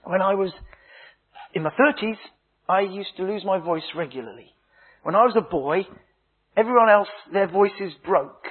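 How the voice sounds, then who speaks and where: A man, a minister, preaching a sermon with a husky voice, slow emphatic phrases that drop to a hush, and humorous stories. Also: high-pitched. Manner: dramatic preaching, slow emphatic phrases dropping to hushed tones; humorous storytelling. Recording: tinny phone-like sound.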